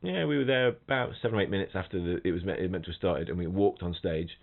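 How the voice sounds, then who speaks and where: Heavy background noise sits under this low-pitched, creaky male voice as he talks fast. He's a middle-aged trombonist by profession, swapping stories in a relaxed podcast chat, restarting sentences and mimicking people and rhythms over thin, phone-like sound.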